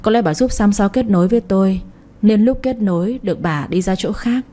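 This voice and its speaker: A woman reading a late-night romance story in the first person, soft and emotional. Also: mid-range voice, a little fast. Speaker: audiobook storyteller.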